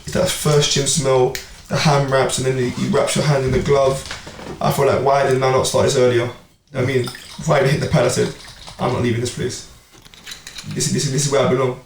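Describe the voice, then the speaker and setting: Young man, flat delivery, podcast guest heard off-mic in a roomy space with faint hiss. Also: mid-range voice, brisk, creaky, recorded from a distance. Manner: animated storytelling with street slang. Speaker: amateur boxer and club player. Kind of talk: casual podcast chat.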